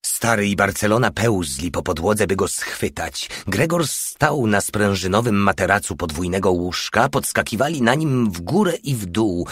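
A man narrates an audiobook in a low, measured voice and tells the story evenly. The recording is close and dry, with no room echo. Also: lively intonation, slightly rough.

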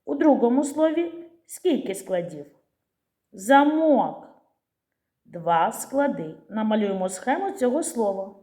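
A middle-aged woman teaching young children, sounding out words slowly syllable by syllable and calling out the stressed ones. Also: fairly high pitch, sing-song, dark tone, echoey room. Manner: slow, clear syllable-by-syllable teaching with stretched emphasized words. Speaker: primary school teacher. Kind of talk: recorded lesson for young children.

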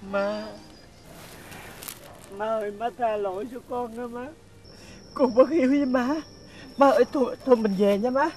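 A man playing a middle-aged father in a comedy sketch, speaking haltingly and stammering as he wavers. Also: very high-pitched, fairly even intonation, crowd noise. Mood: remorseful. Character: remorseful middle-aged son and father, hesitant. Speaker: father character.

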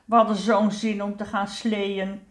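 A woman's voice: mid-range voice, flat delivery, unhurried, reverberant, lightly acted. A woman voicing a sleepy, mumbling young male dog in a storybook reading. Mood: glum. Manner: drowsy, mumbling.

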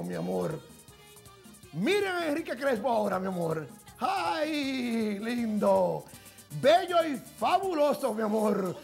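A man's voice: extremely high pitch, gravelly, full character voice. A man playing a flamboyant woman who presents TV gossip. He talks in a camp, theatrical way and calls everyone "my love" in a TV studio with faint music behind. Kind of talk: sketch comedy gossip segment.

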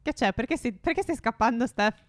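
A woman's voice: fairly high pitch, expressive, fairly quick, no room sound. A woman co-hosting a gaming channel, acting out a Minecraft role-play in a whiny, dramatic, playful way. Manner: whiny, dramatic, plays along.

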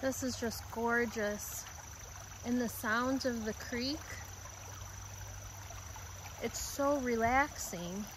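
Woman vlogging a woods walk, slow and easygoing, faint bugs and outdoor hiss. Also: fairly high pitch. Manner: calm, unhurried, pausing often. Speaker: homestead vlogger. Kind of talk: narrated nature walk. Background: faint insects and outdoor ambience.

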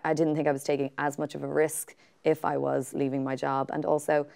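An Irish woman in her thirties, a TV presenter chatting on a studio sofa in an interview, telling stories with lively acted quotes. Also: sits low, a little fast, creaky. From Ireland. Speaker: guest presenter. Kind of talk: casual interview chat. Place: small studio set with sofas.

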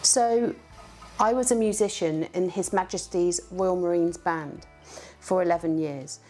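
A woman's voice: fairly low pitch, a little slow, dark tone, soft background music. A woman teaching a beginner how to treadle a spinning wheel, in a chatty, encouraging way, counting out the rhythm as she demonstrates.

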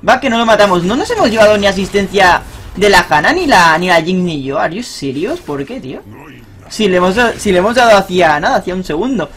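A young man giving live, excitable commentary on his own ranked game, swearing and cheering at big plays. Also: high voice, fairly quick, faint music behind. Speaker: gaming streamer.

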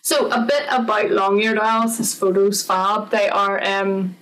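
A woman's voice: medium pitch, steady tone, measured pace, a bit bright, distant mic, poor audio. A woman, a conservation officer giving an informal online talk, explaining in a chatty way with lots of fillers.

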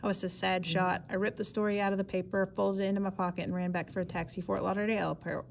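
A woman's voice: mid-range voice, level tone, fast talker, creaky, a little hiss or hum. A woman reading a first-person memoir aloud in a plain, matter-of-fact way. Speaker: audiobook reader.

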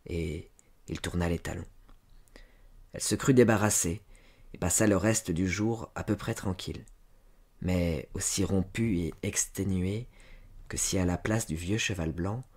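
A man narrating a classic story as an audiobook, measured and subdued. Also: low-pitched, darkish tone, husky. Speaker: audiobook reader.

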